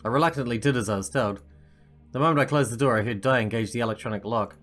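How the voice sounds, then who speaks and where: A woman's voice: a bass voice, fast, soft background music. A woman doing a let's play, reading game narration aloud and adding casual commentary.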